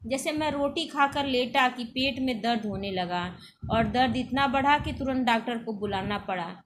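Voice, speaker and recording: A woman teaching a Hindi exam-preparation lesson, reading out questions and answer options in a measured way. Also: a little high, a little hiss or hum. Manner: measured, reads options aloud one by one.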